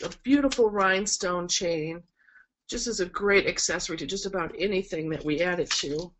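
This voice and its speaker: A woman florist instructor with a cold, her voice nasal and stuffed-up, demonstrates a project at an indoor work table during a webinar. Her voice is on the low side and fairly bright at a moderate pace, chatty and encouraging with frequent ums, captured by a camera mic in a low-quality recording with slight hiss or hum.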